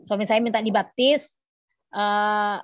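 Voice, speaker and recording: A woman giving a church testimony, telling her story to the congregation, acting out the quoted dialogue and pausing often with hesitant fillers. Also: mid-range voice, steady tone, no room sound, muffled recording. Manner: addresses the audience as Bapak Ibu Saudara, acts out quoted dialogue; hesitant, many fillers and restarts. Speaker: testimony speaker.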